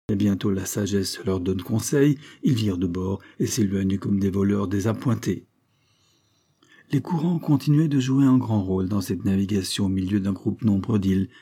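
Low, husky male storyteller. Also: mellow. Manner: measured, descriptive reading. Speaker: narrator. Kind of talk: scripted audiobook narration.

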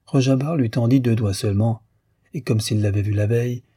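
A man reading a classic novel aloud in measured, even narration. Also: mid-range voice, husky, dry recording. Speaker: audiobook reader.

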